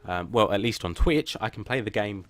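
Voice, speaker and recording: Talking casually to viewers about his gaming channel, a man with a somewhat low, plain, flat voice rambles, hesitates and often restarts sentences at a moderate pace. He keeps putting himself down self-deprecatingly, and the recording is dry.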